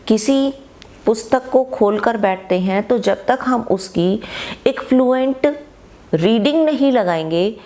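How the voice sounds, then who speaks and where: Woman English teacher, Hindi accent, slightly high voice, patient and deliberate. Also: a little mellow. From northern India. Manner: drawn-out, syllable-by-syllable spelling. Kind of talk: slow spoken lesson.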